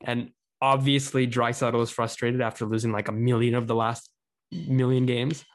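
A man's voice: medium pitch, little pitch movement, normal speed. Brief: male podcast host, talkative, casual, stat-heavy delivery. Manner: chatty, reads out stats and quotes. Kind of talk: casual sports chat.

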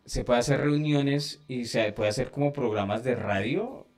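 A man co-hosting a podcast, joking in a relaxed way with some stammered restarts. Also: medium pitch, normal speed, soft background music. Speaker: podcast co-host. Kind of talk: casual podcast banter.

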